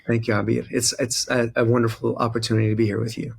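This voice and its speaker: A man in his forties from Israel/Palestine, a priest speaking thoughtfully in an interview with frequent pauses and fillers. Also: medium pitch, little pitch movement, gravelly, breathy edge. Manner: thoughtful, hesitant with many fillers. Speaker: Episcopal priest, guest. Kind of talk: interview conversation.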